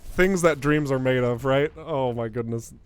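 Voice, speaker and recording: A man's voice: medium pitch, normal speed, smooth. A young man, a game developer, giving playful live-stream commentary while playing, chatting with viewers and laughing often.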